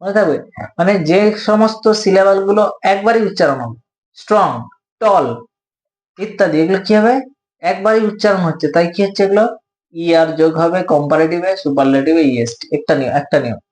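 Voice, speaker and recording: A man with a Bengali accent teaches English grammar in a patient, step-by-step way, asking questions and answering them himself. His voice sits a little high. The recording has a roomy echo. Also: a little fast, a little mellow. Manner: patient, repeats key points, asks and answers his own questions. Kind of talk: explanatory lesson.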